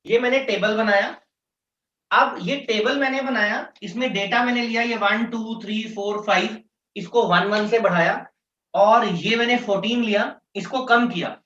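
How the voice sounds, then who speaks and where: A man teaching economics, explaining step by step and slowly repeating key terms. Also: sits high, pushed and bright. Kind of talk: classroom lecture mixing Hindi and English. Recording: echoey room, distant mic, dull sound.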